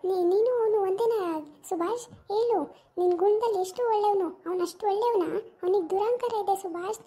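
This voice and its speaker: A bitter, jealous young wife who sneers and rages at her rival, as a woman plays her. The voice is very high but mellow and dark in tone. This is an amateur village drama. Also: brisk. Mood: accusing. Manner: scornful, accusing, shouting insults.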